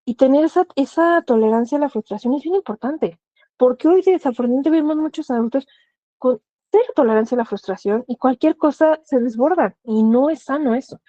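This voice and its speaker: A woman explains things earnestly, her voice pitched a little high with a soft, mellow tone. She speaks in a dry, close-miked sound that is a bit dull and lo-fi. She often poses questions and then answers them herself. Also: brisk, dry recording. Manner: earnest, advising directly, frequent rhetorical questions. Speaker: thanatologist. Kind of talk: explanatory talk.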